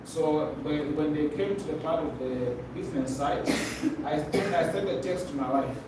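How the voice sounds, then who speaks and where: A man's voice: a little high, normal speed. An older man from Zambia, a pastor and consultant, telling his story to a seminar audience with many fillers and restarts. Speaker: presenter at a business seminar. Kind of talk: testimonial talk to an audience. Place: meeting room with a projector. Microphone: far camera. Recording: echoey room from far off, noisy.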